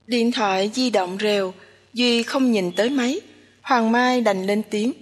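A woman narrating a story in a steady, even reading voice. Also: a little high, unhurried. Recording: long hall reverb.

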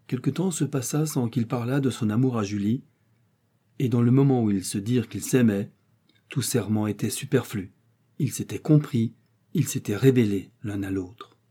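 Brief: male audiobook narrator, measured and expressive, very dark timbre. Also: mid-range voice, slightly rough. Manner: measured, expressive literary reading. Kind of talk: audiobook narration of a classic novella.

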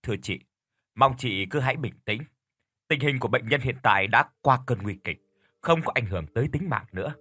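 A man playing a calm formal doctor. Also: mid-range voice, fairly quick, husky, no echo, clean studio sound. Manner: formal, soothing, steady. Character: calm male doctor, middle-aged, measured.

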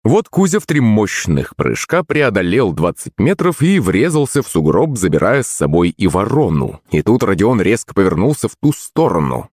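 A man narrating an audiobook with lively storytelling. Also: on the low side, moderate pace, few pauses, dry recording, studio quality.

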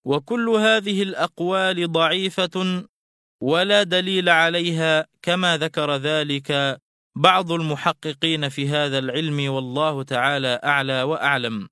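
A man teaching Quran recitation rules in a formal radio lesson, drawing out examples slowly and with measured care. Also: fairly high pitch, fairly even intonation, bright, forceful tone, no echo, clean studio sound. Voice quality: smooth, clear voice.

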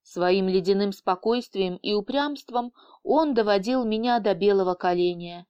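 A woman reading an audiobook in the first person, with a lively, sardonic storytelling manner. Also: mid-range voice, normal speed, clean tone, lo-fi sound. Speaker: audiobook narrator.

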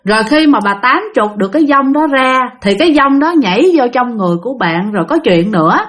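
Woman narrator, Southern Vietnamese accent, fairly high voice, chatty spooky-story telling. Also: animated. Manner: chatty, drawn-out storytelling with many sentence-final particles.

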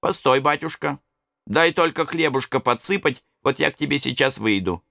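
Man reading as an old sly miller, wheedling, coaxing, evasive, bright voice. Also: medium pitch, expressive, normal speed, vocal fry, no room sound, clean studio sound.

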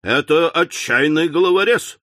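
A man's voice: fairly high pitch, normal speed, fairly bright tone, no echo, natural voice. Male reader voicing a self-important hothead judge in an audiobook, blustering, dry studio sound. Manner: blustering, bullying. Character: pompous irascible male provincial magistrate. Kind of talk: audiobook character voice.

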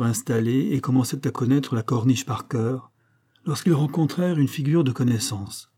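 Husky, dark-voiced male storyteller. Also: mid-range voice. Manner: measured, expressive storytelling. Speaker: audiobook narrator. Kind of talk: literary audiobook reading.

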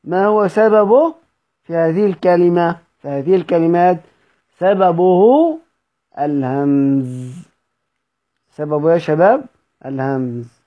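Egyptian male teacher in a study session, a bit high-pitched, repeats and quizzes students, muffled recording. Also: lively intonation, moderate pace. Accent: Egyptian Arabic. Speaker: Quran recitation teacher.

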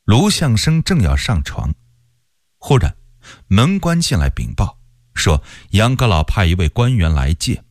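Slow, expressive male radio storyteller. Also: fairly low pitch, no echo, clean studio sound. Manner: expressive and unhurried, with wide swings of voice. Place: radio studio.

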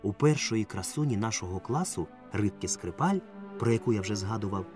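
A man narrating a children's story as an audiobook, telling it lively and acting out the dialogue. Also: fairly low pitch, fairly quick. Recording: dry close mic with faint music.

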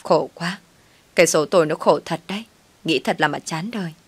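A woman's voice: low-pitched, normal speed, slightly rough, no room sound. A woman voicing a scheming older mother-in-law who coaxes and complains. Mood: complaining. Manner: coaxing then complaining.

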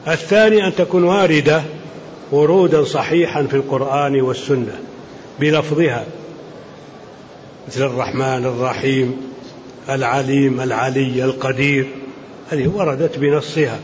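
An older man from Saudi Arabia, an Islamic scholar answering questions in a measured, explanatory lecture, reading each question aloud and then rebutting it. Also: medium pitch. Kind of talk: religious Q&A lecture. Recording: muffled lo-fi lecture recording with faint hiss.

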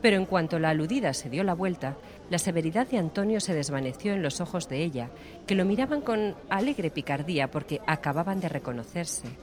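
A man narrating an audiobook in a steady, measured storytelling voice. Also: on the high side. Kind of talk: scripted narration.

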